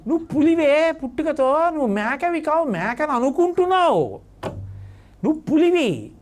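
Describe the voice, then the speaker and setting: A man's voice: very high-pitched, lively intonation, fast, darkish tone, slight background noise. A man voicing a stern grown male tiger who scolds a cub in a sermon story. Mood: scolding. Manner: scolding, insistent.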